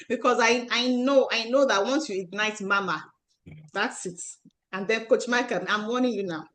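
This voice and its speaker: A woman's voice: fairly high pitch, unhurried, a bit bright. A woman coach hosting an online relationship panel over a video call, talking in a chatty, rambling way with many restarts. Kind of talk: live online panel introduction.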